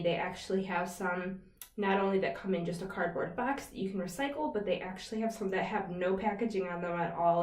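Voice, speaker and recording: A woman's voice: medium pitch, darkish tone. Chatty woman in a roomy echo. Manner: chatty, rambling, full of fillers and asides. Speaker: skincare vlogger. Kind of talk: casual chat to camera. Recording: roomy echo, a little far from the mic.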